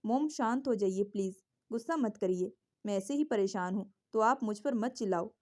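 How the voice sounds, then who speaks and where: A woman's voice: medium pitch, moderate pace, a little mellow, lightly acted. A woman voicing a scheming young woman who complains in a whiny way to her mother. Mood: complaining.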